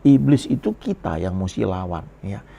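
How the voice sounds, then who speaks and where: Casting: middle-aged male pastor with a very gravelly, fry-heavy voice, easygoing sermon storyteller. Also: low voice, animated, normal speed, mellow. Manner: conversational storytelling, frequent "ya" tags. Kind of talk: sermon testimony.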